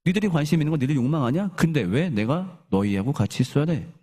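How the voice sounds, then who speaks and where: A man's voice: a little high, animated, quick pace, warm tone. A male pastor acting out Jesus in a sermon as an exasperated grown man who speaks bluntly and casually to his followers. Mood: stern.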